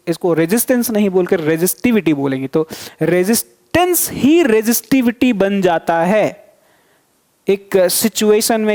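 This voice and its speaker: A man's voice: sits high, a little mellow. A male teacher giving a physics lesson, repeating each point and asking the class rhetorical questions to check they follow. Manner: coaxing, checks students follow.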